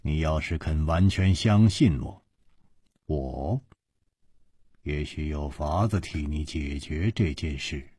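A man voicing a calm, gentle, worldly male hero who speaks softly and evenly in a storybook reading. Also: lowish voice, husky, no room sound, studio quality, full character voice. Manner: soft, measured speech.

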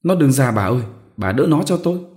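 A man's voice: mid-range voice, very animated, fast, a little mellow, pitched above the performer's own voice, natural voice. A man voicing a young peasant wife in painful labor who cries out and pleads. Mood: pleading. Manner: crying out, pleading.

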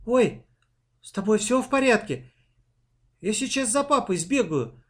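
A man voicing a frightened, gentle young girl who pleads anxiously in a storybook reading. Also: sits high, expressive, a little slow, pitched above the performer's own voice.

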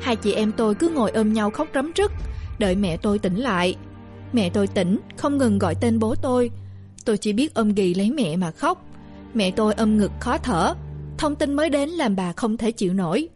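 A woman narrating a first-person story in a steady, somber reading voice. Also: medium pitch, normal speed, soft background music.

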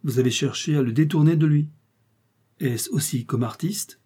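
A stiff, formal viscount, read by a male narrator who sets out the terms of a duel without any give. The delivery is measured and unbending. His voice is mellow and husky. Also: fairly high pitch, pitched above the performer's own voice. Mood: severe. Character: formal, severe male aristocrat acting as a duel second. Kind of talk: audiobook character reading.

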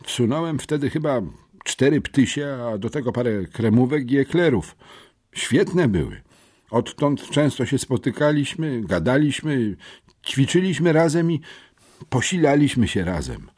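A man's voice: medium pitch, very animated, measured pace, a little mellow, slightly rough. A man reading an audiobook, voicing a nervous, hungry schoolboy who stammers and pleads. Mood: confessing.

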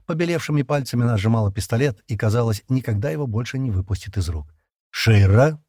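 Expressive male audiobook narrator. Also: medium pitch, fast talker, husky, no echo, clean studio sound. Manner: expressive, lively reading. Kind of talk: scripted narration.

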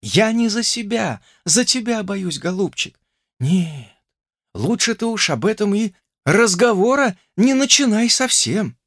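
Brief: tender young forest girl, read by a man, soft, quietly insistent, raised airy voice. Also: high voice, lively intonation, unhurried, no echo, clean studio sound, voice pushed up, heavily acted. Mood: tender, fearful. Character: young forest woman, gentle, fatalistic.

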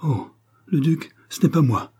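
A man's voice: mid-range voice, fairly quick, dark tone, slightly rough, close to an everyday voice. A man voicing a terrified Portuguese valet who blurts frightened confessions.

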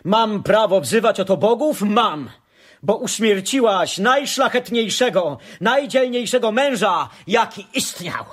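A man's voice: mid-range voice, lively intonation, unhurried, breathy edge. An actor playing a grief-stricken young son who tells of his father's death and accuses his mother, with impassioned delivery in a radio drama. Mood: accusing. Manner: impassioned, rising to fierce outbursts.

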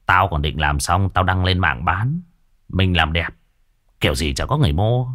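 A timid young craftsman who hedges and apologizes, his low voice swinging up and down, as a male narrator puts him on in a spoken ghost story. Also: lively intonation, normal speed, a bit bright, no room sound, studio quality. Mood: hopeful. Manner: hesitant, apologetic. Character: timid young craftsman, reluctant and self-excusing.

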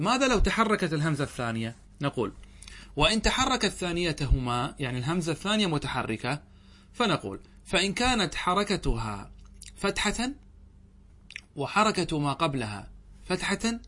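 A sheikh teaches an Arabic grammar lesson in class, explaining a grammar text in a fairly high, fairly bright voice for a man. He goes through each rule slowly, poses questions to his listeners and answers them himself, and stretches each example word out syllable by syllable.

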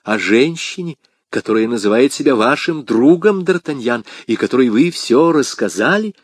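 A man's voice: medium pitch, animated, normal speed, no room sound, close to an everyday voice. A fragile young woman pours out her love in a raised, lilting voice, then fades to a faint murmur, as a male reader puts her on. The reading is dry and close, with no room sound. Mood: anxious. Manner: tender, breathless, then weak. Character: young woman in love, later poisoned and fading.

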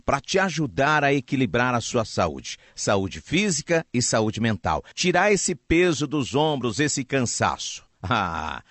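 A man's voice: mid-range voice, very animated, slow, hardly any pauses, a bit bright, no room sound. A middle-aged Brazilian man hosting a radio infomercial in a conversational sales style.

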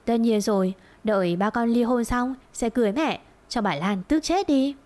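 This is a sneering, fawning middle-aged mistress, as a woman storyteller puts her on, spiteful and coy. The voice sits on the high side. It belongs to a spoken storybook drama. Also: moderate pace, a little mellow, lightly acted. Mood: smug.

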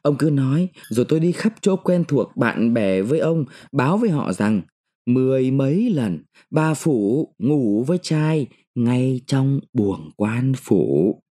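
A male narrator voicing a sharp-tongued, defiant mandarin's wife who scolds and taunts her husband. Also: medium pitch, very animated, normal speed. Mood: scornful.

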